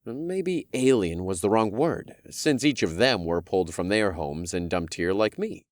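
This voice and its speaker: A man's voice: on the low side, lively intonation, measured pace, no echo, studio quality. A man narrating a fantasy audiobook in the first person, with wry storytelling.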